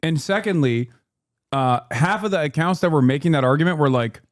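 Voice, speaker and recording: A man's voice: a little high, fairly quick. A man giving casual reaction commentary, sarcastic and laughing as he talks. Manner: sarcastic, laughs mid-sentence. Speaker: stream host reacting to clips.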